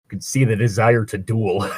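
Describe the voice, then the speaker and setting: As co-host of a fan fiction reading show, a man with a fairly low voice reads aloud and banters casually. He keeps breaking off for sardonic, sweary asides. Slight background noise can be heard.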